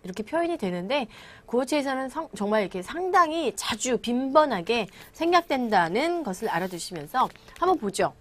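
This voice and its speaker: Lively, high-voiced woman teaching English. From Korea. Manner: explanatory, reads English examples slowly and deliberately. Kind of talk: classroom lecture.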